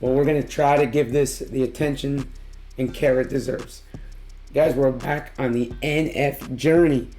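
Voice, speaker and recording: Hoarse, worn-out man hyping up music. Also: medium pitch, steady tone. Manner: slangy, emphatic, drawn-out exclamations. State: hoarse, tired. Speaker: music reaction video host. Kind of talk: casual excited reaction commentary.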